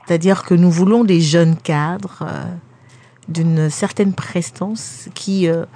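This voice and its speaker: A woman making a prank phone call from a radio studio, posing as a formal recruiter and pressing her requests with a deadpan tone. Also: on the low side, takes it slowly, a little hiss or hum.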